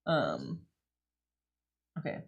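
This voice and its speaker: A woman's voice: very deep voice, wildly swooping pitch, drawn-out words, creaky, highs cut off. A woman playing a tabletop game in casual chat, blunt and joking. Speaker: player.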